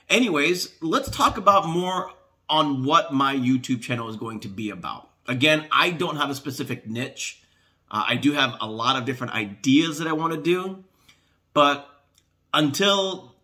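Man, casual vlog talk, rambling with fillers, bright clear tone, mid pitch. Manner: rambling, friendly, many fillers and restarts. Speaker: YouTuber.

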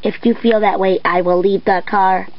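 A woman voicing a jealous female ghost trapped in a car, speaking in a flat robotic voice. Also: mid-range voice, normal speed, recorded from a distance, a little hiss or hum, voice pushed down. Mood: sorrowful. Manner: flat, menacing threats. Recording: dull lo-fi recording.

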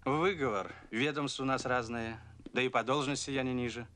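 A man plays a cocky, greedy crony who talks back to his boss without fear. His voice is bright and pointed, and his tone is cheeky and insolent. It is 1970s film drama acting. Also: mid-range voice, fairly even intonation, a little fast, smooth, natural voice.

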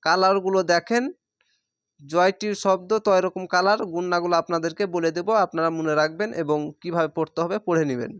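Bangladeshi guy teaching quran letter by letter, highish clean voice, dry close sound. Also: fairly even intonation, a bit bright, clean tone, no room sound. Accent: Bangladeshi Bengali. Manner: slow syllable-by-syllable spelling, drawn-out vowels. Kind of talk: spelling-out recitation lesson.

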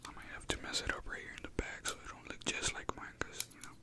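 A young man doing a whispered role-play as a barber, chatting casually with slang to the listener in a small room at home. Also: fast. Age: young adult. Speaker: ASMR creator playing a barber.

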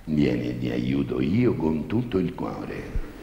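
Man acting slow, very deep, prying Roman priest. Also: sing-song, gravelly, warm tone, muffled recording, slight background noise, heavily acted. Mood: solemn, prying. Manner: slow, solemn, drawn-out questioning. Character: old-time male confessor priest, coaxing and prying. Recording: echoey theatre hall with long reverb.

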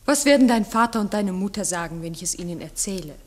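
An earnest village schoolmistress played by a woman in an old radio play. Her middle-pitched voice is a little husky, and she speaks with measured, strict precision. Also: animated, close to an everyday voice. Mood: probing, gently stern. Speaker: actor and first-person narrator. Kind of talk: 1960s German radio drama acting and narration.

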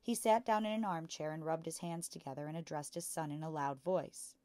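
Low-pitched woman reading a storybook. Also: fairly quick, dark tone, no room sound. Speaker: storytime reader. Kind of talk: children's book read-aloud narration.

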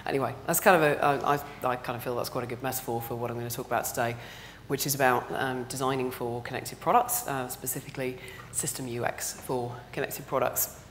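A British woman giving a conference talk in a hoarse, honking, half-lost voice with a cold, speaking in a halting, conversational way. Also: rumbling low, fairly even intonation. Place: large indoor conference hall stage. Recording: echoey hall, background noise.

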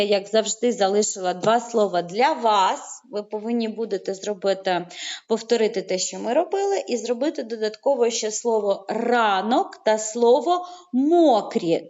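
A woman teaching young children in an online lesson, patient and encouraging, stretching words out slowly, heard through a video call. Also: a little high, darkish tone. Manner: slow, drawn-out syllables when saying words aloud. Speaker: primary school teacher. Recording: muffled online call audio.

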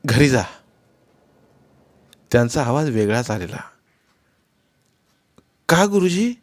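A man reading a novel aloud in the first person, expressive and voicing each character himself. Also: lowish voice. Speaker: audiobook narrator.

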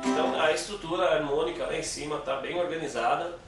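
Counting beats aloud and explaining with patience, a Brazilian guitar teacher leads a casual lesson, talking fast at a fairly high pitch. It's recorded in an echoey room with the mic at a distance and guitar playing.

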